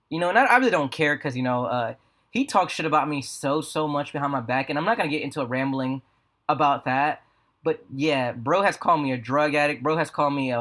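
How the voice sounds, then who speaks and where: A man's voice: fairly high pitch, fairly bright tone. A young American man telling a story in a casual vlog, rambling and slangy with plenty of swearing. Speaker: video creator. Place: apartment room with a fan running. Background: fan hum.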